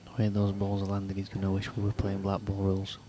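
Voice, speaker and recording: A man commentating live on a pool match, with hushed, dry, chatty asides between shots. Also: low-pitched, monotone, fast talker. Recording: noisy venue background.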